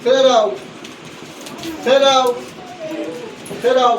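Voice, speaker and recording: High-voiced man teaching yoga in echoey hall. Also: little pitch movement, slow. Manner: short repeated commands, calls for silence. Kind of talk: instructing a children's yoga class. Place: large indoor school hall. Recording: echoey hall, voice from far off, faint noise.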